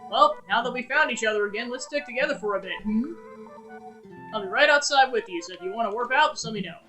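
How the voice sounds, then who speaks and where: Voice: mid-range voice, fast, sharp tone, soft background music, close to an everyday voice. A streamer reading the lines of a friendly bird woman from a video game in a near-normal voice. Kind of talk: reading game dialogue aloud.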